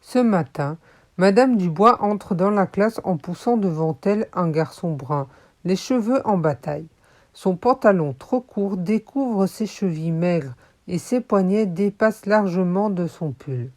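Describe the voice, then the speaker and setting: A woman narrating a children's audiobook in a calm, measured storytelling voice. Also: fairly low pitch. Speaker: audiobook reader.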